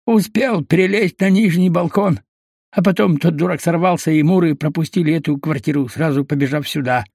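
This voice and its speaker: A cowardly, jittery scavenger, put on by a male audiobook reader, pleads and explains in a high, strained voice that keeps rising in fear. The sound is dry and close, with no room around it. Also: a little fast, a little mellow, no echo. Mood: nervous explaining.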